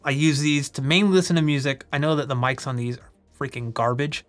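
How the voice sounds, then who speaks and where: A man's voice: medium pitch, fairly bright tone. A man reviewing tech gear in an informal, conversational way, casually comparing products.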